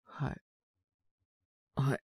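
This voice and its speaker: A voice actor plays a young male student with a cold in a one-sided situation voice drama, recorded in clean studio sound with no room echo. His husky voice breaks into frequent coughing fits, and he speaks casually and youthfully, drawing out words and trailing off hesitantly, staying polite though mildly exasperated.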